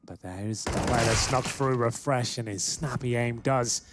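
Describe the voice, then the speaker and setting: A male esports caster gives live play-by-play in a medium-pitched voice. The recording is clearly noisy, with game gunfire behind the commentary. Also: normal speed.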